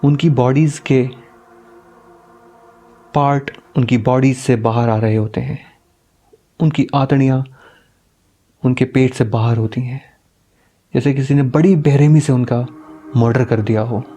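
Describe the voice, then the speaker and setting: A male storyteller narrates a horror tale in a dramatic, suspenseful way. His voice is warm and mellow, sitting at an ordinary pitch. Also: steady tone, a little slow, pauses often.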